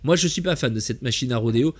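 A man with a medium-pitched, lively voice talks fast as he hosts a gameplay tour for his game channel. The commentary stays jokey and enthusiastic throughout.

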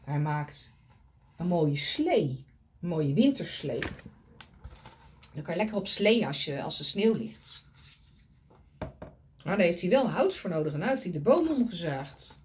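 A woman's voice: fairly low pitch, sing-song, measured pace, pauses often, a little mellow, slight background noise. A woman reading a picture book aloud to children, pointing at the pictures and asking them questions.

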